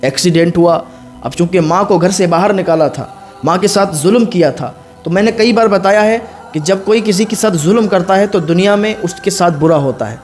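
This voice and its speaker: Male preacher, fairly high voice, emotional storytelling sermon over soft music. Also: moderate pace. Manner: acts out quoted voices, rising in pitch and force. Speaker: Islamic preacher.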